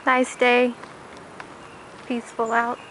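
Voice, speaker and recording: A young woman talks to her camera as she walks, casual and chatty, filling her sentences with "like" and "um". Her voice sits a little high. The camera audio carries clear outdoor noise. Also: completely flat delivery, slow pace, fairly bright tone, low-quality recording. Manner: chatty, lots of "like" and "um". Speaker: travel vlogger. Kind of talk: casual travel vlog. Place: outdoors in gardens and in a car.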